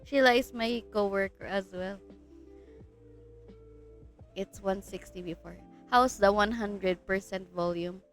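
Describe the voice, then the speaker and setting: A woman's voice: medium pitch, unhurried, long pauses, faint music behind. A woman with a Filipino accent chatting casually on a livestream, giggling often, her voice stuffy and congested from a cold. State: stuffy nose, sick voice. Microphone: streaming mic.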